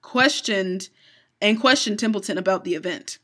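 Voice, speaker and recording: A woman's voice: medium pitch, normal speed, pushed and bright. A woman co-hosting a casual podcast, narrating paranormal stories from her notes with small stumbles and easy laughs. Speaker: co-host.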